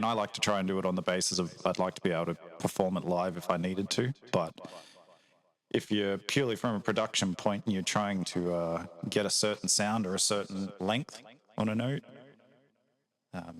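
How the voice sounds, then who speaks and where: Croaky, gravelly low-voiced man. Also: brisk, poor audio. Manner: relaxed and chatty, with frequent fillers. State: croaky morning voice. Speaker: musician explaining vocal editing. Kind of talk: casual live-stream explanation.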